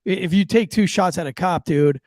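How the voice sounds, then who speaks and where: In loose podcast banter full of jokes and swearing, this male co-host also handles a sponsor ad read, restarting it many times. His high-pitched voice is a little mellow and fairly quick. The studio-quality recording has no room sound.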